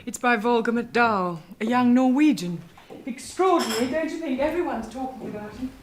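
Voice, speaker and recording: An actress playing an upper-class English wife in a period television drama, with a clipped, politely barbed manner and an English accent. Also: female voice, on the high side, normal speed, slight background noise, natural voice. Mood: poised, social.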